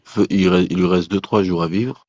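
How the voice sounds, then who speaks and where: A man telling a personal testimony as a guest, in casual spoken storytelling, animated, with many restarts, acting out the dialogue he quotes. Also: low-pitched, normal speed, no echo, muffled recording.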